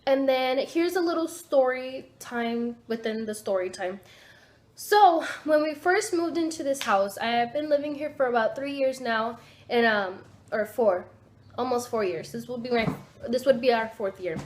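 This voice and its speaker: A young woman telling a storytime vlog from her home kitchen, rambling and excitable, with lots of fillers and restarts. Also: on the high side, moderate pace. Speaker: vlogger.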